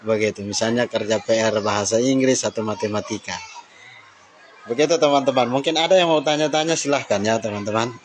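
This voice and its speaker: A man's voice: medium pitch, fairly quick, a little hiss or hum, low-quality recording. A man teaching an informal English lesson, talking with frequent hesitations and switching into English phrases. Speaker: English tutor.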